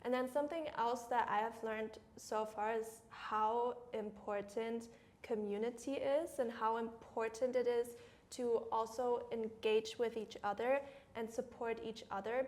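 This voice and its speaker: A woman's voice: fairly high pitch, a little mellow. A young woman co-hosting a podcast, speaking reflectively and articulately in casual chat. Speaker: podcast co-host.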